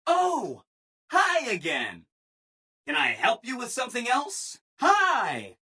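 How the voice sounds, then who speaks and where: A man's voice: sits high, sharp tone, breathy edge, exaggerated voice. A man voicing a relentlessly cheerful, eager-to-please robot assistant in a video game, chipper and exaggeratedly polite. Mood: bubbly eagerness. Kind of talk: video game character acting.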